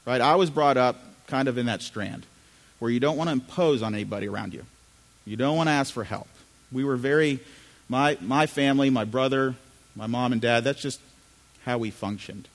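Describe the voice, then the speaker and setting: Middle-aged male pastor, conversational sermon, asks the room questions, long reverb of a church hall. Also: mid-range voice. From Chile. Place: church sanctuary.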